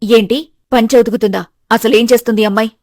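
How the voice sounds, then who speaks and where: A woman's voice: fairly high pitch, steady tone, fast, no room sound, studio quality, close to an everyday voice. A woman doing a harsh scolding mother-in-law. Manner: scolding, loud.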